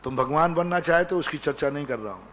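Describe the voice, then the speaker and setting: A man's voice: fairly high pitch, animated, quick pace, a bit bright, a little hiss or hum. A man, a Jain monk, preaching a sermon, firing rhetorical questions and repeating key words for emphasis.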